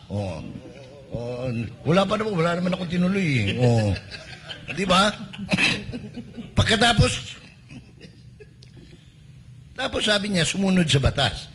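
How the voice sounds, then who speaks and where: A man's voice: high voice, a bit bright, slight background noise. A Filipino man giving heated political commentary, indignant and full of rhetorical questions.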